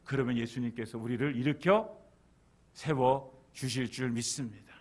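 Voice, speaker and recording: A man preaching a sermon as pastor. He repeats key words for emphasis and acts out scolding quotes, and at times climbs to loud, high passages. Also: normal speed.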